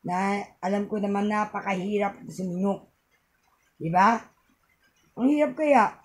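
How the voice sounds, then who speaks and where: A woman's voice: mid-range voice, measured pace. A middle-aged woman with a Filipino accent, giving a home tip in a casual, rambling vlog and laughing often. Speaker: vlogger.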